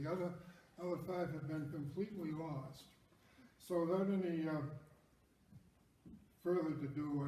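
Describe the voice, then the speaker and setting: A man with a slightly high, soft-toned voice introduces a guest informally and haltingly. He is picked up from a distance in a reverberant room. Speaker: host introducing the speaker. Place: indoor public talk in a roomy space. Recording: echoey room, distant mic, noisy.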